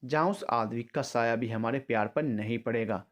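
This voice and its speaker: A man's voice: mid-range voice, animated, moderate pace, lightly acted. A man doing a shameless menacing ex-lover. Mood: coaxing. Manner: smug, then threatening.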